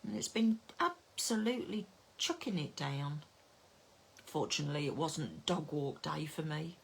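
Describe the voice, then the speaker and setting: A woman's voice: deep voice, sing-song, unhurried, creaky, slight background noise. A middle-aged woman, chatting casually on a craft live stream and greeting viewers by name. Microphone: phone camera.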